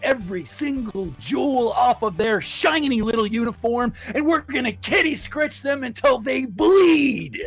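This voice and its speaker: A man playing a bombastic sports coach who shouts an emphatic motivational speech to his team. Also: mid-range voice, big pitch swings, measured pace, breathy edge, soft background music, pitched below the performer's own voice, exaggerated voice. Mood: fired up. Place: indoors at home, on a group video call. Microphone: headset.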